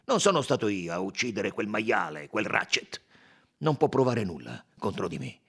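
A man reading an audiobook and voicing a hot-tempered, defensive chauffeur in a low, protesting voice. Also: very animated, moderate pace, fairly bright tone, husky, full character voice.

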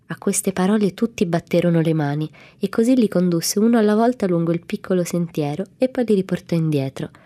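A woman reading a classic children's storybook aloud in a calm, even manner. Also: fairly low pitch. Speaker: audiobook narrator.

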